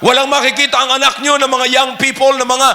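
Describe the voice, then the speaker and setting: A male pastor with a Filipino accent preaching an animated sermon, mixing Filipino and English and rising to shouts. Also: extremely high pitch, quick pace.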